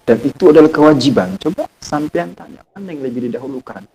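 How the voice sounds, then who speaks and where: A man's voice: a little high, animated, fast, warm tone, poor audio. A young man, a guest on a podcast, telling a personal story in an earnest, reflective way and often quoting himself. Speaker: podcast guest, Islamic teacher. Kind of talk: casual storytelling in conversation.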